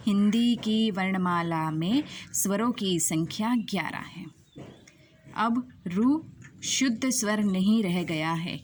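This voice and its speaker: A woman teaching a grammar lesson to students, asking questions and slowly repeating each key definition. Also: mid-range voice, a little hiss or hum.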